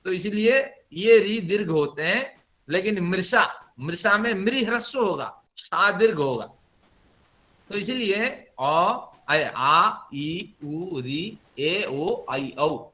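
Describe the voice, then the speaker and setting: Middle-aged male recitation teacher, bright, fairly high voice, patient step-by-step explaining with chanted demonstrations. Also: lively intonation, slow. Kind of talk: spoken Sanskrit pronunciation lesson.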